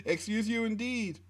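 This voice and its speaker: Slow-talking high-voiced man on a podcast. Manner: reads specs with many fillers and restarts; laid-back, swears mildly. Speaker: podcast co-host. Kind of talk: casual chat.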